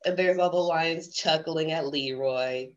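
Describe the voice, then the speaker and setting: A drag storytime guest reader reads a children's storybook in a casual way, tossing playful, theatrical asides to the audience. She has a mid-range voice and a measured pace, and the audio sounds dull. It's a video stream shot in front of a green screen.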